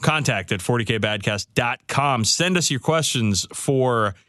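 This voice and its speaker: A man co-hosting a casual podcast, wry and quick, often laughing. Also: mid-range voice, expressive, a bit bright, no echo, clean studio sound. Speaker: podcast co-host.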